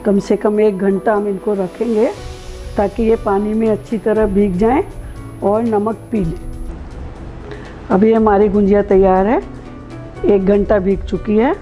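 A middle-aged woman hosting a cooking show, calmly explaining each step of a recipe in detail. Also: medium pitch, measured pace, pauses often, faint music behind, low-quality recording.

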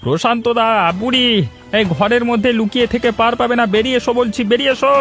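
Guy doing a shrill excitable young village lad in a cartoon, super high and quick. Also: faint music behind. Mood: angry. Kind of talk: Bengali cartoon voice acting.

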